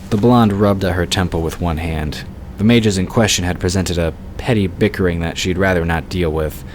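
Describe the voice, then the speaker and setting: Scripted fantasy narration comes from a man with a deep voice, with clear noise and ambience audible behind his reading.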